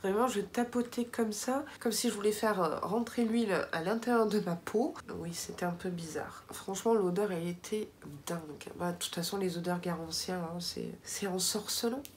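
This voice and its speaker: A woman's voice: medium pitch, fairly even intonation, normal speed, darkish tone, slight background noise. A woman chatting casually to her viewers as she reviews finished beauty products, with lots of fillers and asides. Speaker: beauty vlogger.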